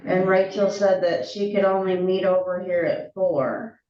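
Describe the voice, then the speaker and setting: Slow, hesitant defendant, distant and echoey. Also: mid-range voice, steady tone, darkish tone. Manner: hesitant, halting, apologetic. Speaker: defendant in court. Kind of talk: pleading explanation to a judge. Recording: distant, echoey, muffled courtroom audio.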